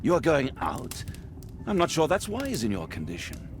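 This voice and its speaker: Polite worried british doctor in a video game, earnest, very animated intonation. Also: male voice, a little high, moderate pace, background noise. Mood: concerned. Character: earnest, courteous, concerned English gentleman doctor. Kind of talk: dramatic game cutscene acting.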